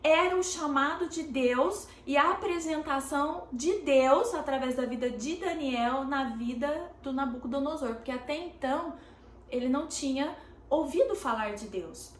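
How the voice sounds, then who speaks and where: A woman pastor with a Brazilian Portuguese accent preaching a sermon, speaking deliberately with frequent pauses and filler sounds and leaning on key words. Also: high-pitched. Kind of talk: sermon, streamed teaching. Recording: roomy echo with faint background noise.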